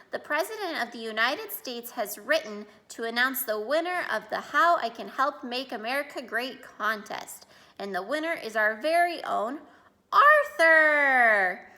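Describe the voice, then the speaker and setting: A woman doing an excited male principal announcing. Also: fairly high pitch. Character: flustered male school principal. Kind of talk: reading a picture book aloud.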